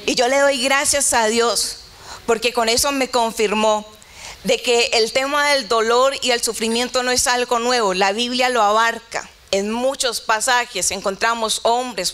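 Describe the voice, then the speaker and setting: A woman's voice: a little high, a bit bright. A middle-aged woman pastor, telling a personal story in a conversational sermon and voicing both sides of the dialogue.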